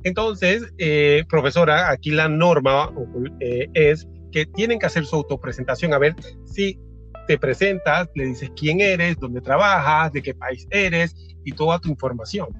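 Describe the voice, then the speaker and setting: A man hosting a podcast in a friendly, casual way, often pausing with fillers. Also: on the high side, fairly bright tone, muffled recording, faint music behind. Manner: friendly, with frequent fillers and restarts. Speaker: podcast host.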